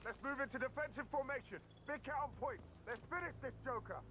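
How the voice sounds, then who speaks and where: An actor playing an armed guard who calls out tactical radio orders in a video game. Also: male voice, very high voice, fast, very noisy. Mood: tactical, tense. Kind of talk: video game combat barks. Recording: loud game music over voice.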